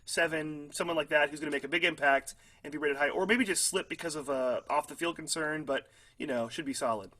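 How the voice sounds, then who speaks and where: A young man co-hosts a football podcast in easy, casual chat. His voice sits a touch high, and he hedges with fillers and laughs at his own hot takes. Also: a little fast, few pauses, bright, forceful tone. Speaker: podcast co-host.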